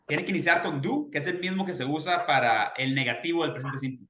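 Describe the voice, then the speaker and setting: A man's voice: a little high, fast talker, a bit bright, reverberant, a little hiss or hum. A man teaching a beginner English class, patiently explaining grammar and often checking in with his students.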